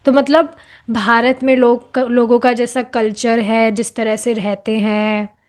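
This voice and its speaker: A woman's voice: fairly high pitch, flat delivery, slow, a little mellow. A woman explaining a devotional book to a class in a conversational way, slipping in English phrases and asking her listeners rhetorical questions.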